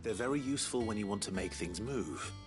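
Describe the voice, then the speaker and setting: A man playing a calm, courteous guardian and mentor in a fantasy drama, speaking in a measured, gently instructive and formal way. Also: lowish voice, music in the background, close to an everyday voice. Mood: patient, instructive. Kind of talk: scripted fantasy drama acting.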